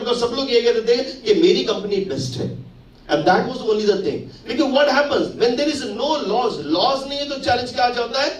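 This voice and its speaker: A man's voice: extremely high pitch, distant mic. A man in his forties with an Indian English accent, giving a motivational stage speech at a network marketing event. He mixes Hindi and English and keeps putting rhetorical questions to the audience. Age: 40s. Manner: switches between Hindi and English mid-sentence. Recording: echoey hall, mic held back from mouth.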